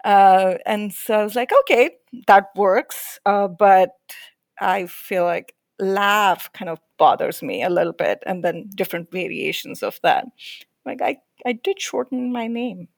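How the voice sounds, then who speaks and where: Here is a woman from India whose accent blends New York and Indian sounds. She speaks at an unhurried, slow pace and in a candid, wry way, laughing easily as a podcast guest. Her voice is dry and close, coming through a video call. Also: mid-range voice, creaky, no echo. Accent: mix of New York and Indian. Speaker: guest, managing director. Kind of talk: casual conversation.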